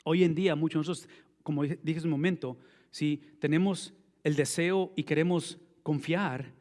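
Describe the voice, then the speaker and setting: A male pastor preaches a sermon in a fairly high voice. He fires rhetorical questions at the congregation and answers them himself, leaning hard on key words and then dropping into quiet asides. His voice rings out with the long reverb of a large church hall. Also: steady tone, normal speed. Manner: emphatic, swinging between loud stresses and quiet low asides.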